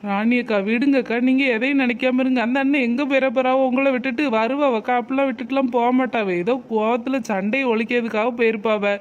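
High-voiced cartoon friend voiced by a woman, reassuring, slightly muffled recording. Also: fairly even intonation, fast talker, few pauses, lightly acted. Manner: reassuring, pleading. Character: soothing young woman friend.

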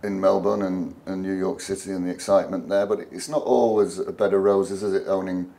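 Low voiced interviewer guy asking easygoing questions, bit of hiss. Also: flat delivery, brisk, gravelly, mellow. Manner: leading, conversational questioning.

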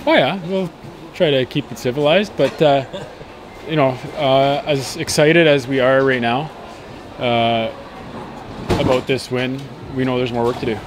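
A man's voice: medium pitch, steady tone, a little slow, background noise. A man in his thirties, a hockey player, giving an earnest, upbeat post-match interview outdoors at night into a handheld mic, with frequent fillers. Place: outdoors at night beside an arena.

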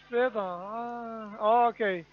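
A man whose first language is not German, calling on the phone and speaking in broken, halting sentences, stammering and repeating words. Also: high-pitched, steady tone, a little hiss or hum. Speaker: scam caller. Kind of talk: phone sales pitch turned insults. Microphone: phone call. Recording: muffled phone line.

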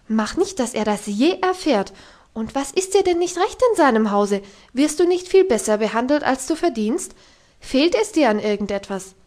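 A woman reading as a strict housekeeper, loud and high-strung, firing off indignant scolding in a storybook reading. The voice sits high and keeps up its outraged scolding. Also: lightly acted. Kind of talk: audiobook reading.

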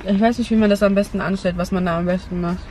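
A woman's voice: medium pitch, steady tone, fast talker, mellow. A young woman giving casual advice as a vlog host, chatting inside a car. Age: young adult. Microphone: camera on the dashboard. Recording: noisy car interior, outdoor ambience.

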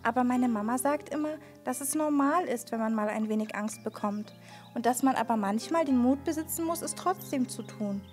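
A kind little girl in a children's puppet show, played by a woman puppeteer, brave though a bit timid. She speaks to the children gently and earnestly in a high voice. Faint music plays behind her. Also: normal speed, natural voice.

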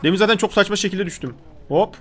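A man's voice: sits high, quick pace, a little hiss or hum. A man giving chatty, exasperated commentary while playing a video game, often scolding the character on screen. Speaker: gaming video host. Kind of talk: gameplay commentary.

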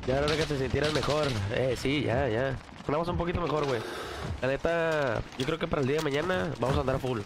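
A man with a Mexican Spanish accent, chatting casually on a morning live stream, slangy and hyped, his voice a little rough from a cough. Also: mid-range voice, fast talker, noisy background.

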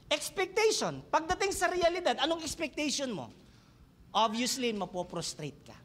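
A man's voice: very high-pitched, big pitch swings, moderate pace, a bit bright. A man with a Filipino accent preaching a sermon in church, switching between Tagalog and English and asking the congregation questions. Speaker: pastor.

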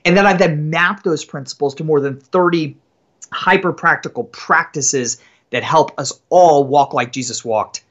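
Animated man, stumbling into his sentences. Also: on the high side, moderate pace, dull audio. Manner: animated, repeats words when starting sentences, often adds "right?". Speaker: author guest. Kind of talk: podcast interview.

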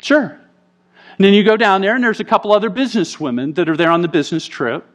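Animated high-voiced male pastor preaching. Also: rapid-fire. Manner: animated storytelling, acting out quoted voices. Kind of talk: sermon. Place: church sanctuary.

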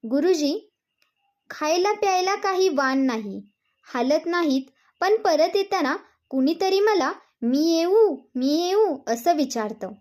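A woman's voice: very high-pitched, lively intonation, slow pace, a little mellow, heavily acted. A woman doing a frightened young disciple. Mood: fearful. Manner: anxious, pleading.

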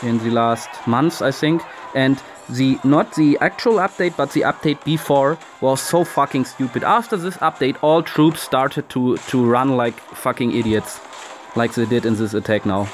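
A young man with a German accent commentates a strategy game at home in a mid-range voice at moderate pace, with slight background noise. Frustrated, he swears at his troops and talks to his viewers.

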